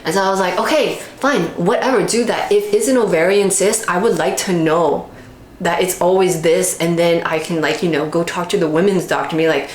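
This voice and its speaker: A woman's voice: on the low side, fairly quick. A young woman casually telling a personal story, rambling with fillers and acting out the quoted lines. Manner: animated, acts out quoted lines with sudden yelps. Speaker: video creator. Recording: echoey room, faint background noise.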